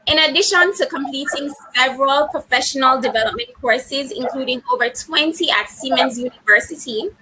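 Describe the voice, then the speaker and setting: A woman's voice: high-pitched, fairly quick, few pauses, bright, forceful tone, a little hiss or hum, low-quality recording. A woman moderating a webinar, reading out a guest's introduction in a welcoming, formal way. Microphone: video call.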